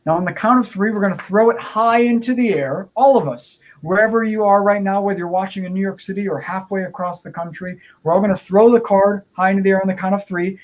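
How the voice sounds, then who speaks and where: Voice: mid-range voice, fast, few pauses. A performer with playful kids-party magician patter, giving repeated step-by-step instructions to an online audience in an encouraging way. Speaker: magician leading a card trick.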